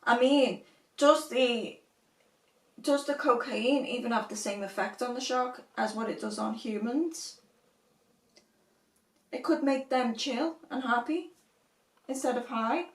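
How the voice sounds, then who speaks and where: A woman's voice: on the high side, measured pace, pauses often. Podcast co-host, woman, wry and questioning; echoey room. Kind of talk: casual chat. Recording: roomy, from a distance.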